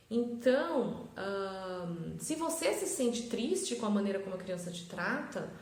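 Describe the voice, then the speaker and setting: A woman's voice: mid-range voice, echoey room. A woman, a mother talking reflectively and conversationally about parenting in a casual stories monologue. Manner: reflective, conversational, frequent tag questions. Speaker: mother of triplets sharing parenting advice.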